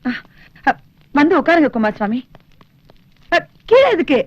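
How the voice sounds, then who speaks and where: An actress playing a middle-aged wealthy widowed mother in a film, soft and earnest. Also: sits high, sing-song, a little slow, dry recording. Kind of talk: film dialogue. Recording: dull lo-fi film soundtrack with faint music.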